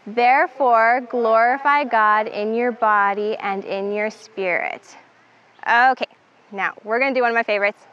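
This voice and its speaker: A woman's voice: on the high side, unhurried, muffled recording, a little hiss or hum. A young woman teaching a children's Bible club, upbeat and instructive, counting down and leading the group in reciting verses.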